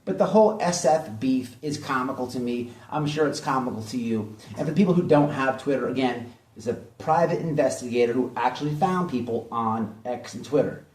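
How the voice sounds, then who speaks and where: An online commentary host gives opinionated drama commentary, bluntly mocking and hammering his points home through repetition. His mid-range voice is brisk and a little mellow. The recording has an echoey room sound and a distant mic.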